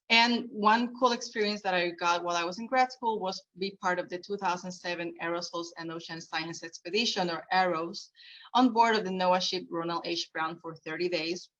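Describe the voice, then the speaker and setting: Speaking in a low, fairly bright voice, the Puerto Rican keynote speaker shares earnest personal stories peppered with fillers. Her conference talk comes through a video call microphone with lo-fi quality.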